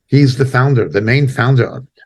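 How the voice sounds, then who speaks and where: This preacher's voice is husky and medium in pitch as he gives passionate commentary. Indignant and forceful, he breaks his speech into short, halting phrases.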